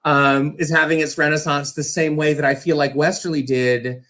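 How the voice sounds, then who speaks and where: In a casual interview, a male guest who directs community theater describes his work with eager, wandering enthusiasm. He speaks at a normal speed in a slightly high, somewhat bright voice that barely shifts in pitch.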